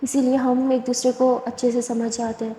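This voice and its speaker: A woman voicing a gentle, shy young woman who speaks softly and reassuringly, in an echoey room. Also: a little high, level tone, a little hiss or hum, natural voice. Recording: echoey room with long reverb.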